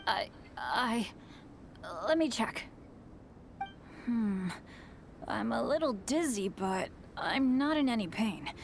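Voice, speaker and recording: A woman's voice: fairly high pitch, expressive, slow, vocal fry, long pauses, noisy background, exaggerated voice. A woman voicing a cheerful but unlucky teenage adventurer boy in a video game, who stammers and talks himself down. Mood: reassuring. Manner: stammers and turns self-deprecating.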